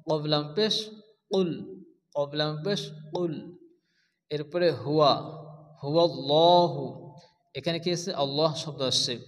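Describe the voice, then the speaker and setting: A man teaching Quran recitation step by step. He asks and answers his own questions and repeats each word slowly. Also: on the high side, a bit bright, long reverb tail.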